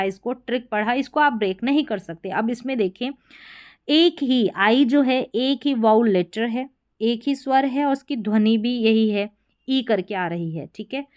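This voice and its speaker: Woman teacher, patient, repetitive, slightly high voice, spelling lesson. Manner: patient, repeats points and checks with "theek hai". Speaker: English teacher. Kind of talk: explaining spelling rules in a lesson.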